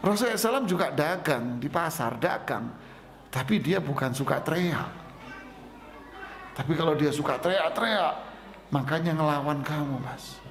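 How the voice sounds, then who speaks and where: A man preaching a sermon, telling stories and acting out both sides of the dialogue in a lively way. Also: a little high, a little fast, pauses often. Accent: Indonesian. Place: mosque. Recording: echoey mosque hall.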